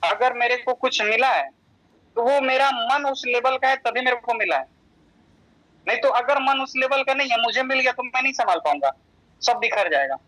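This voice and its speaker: A man with a high, bright voice teaches a spiritual lesson, repeating his key points and checking that the listeners follow. The sound is thin and narrow, like a phone line. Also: moderate pace.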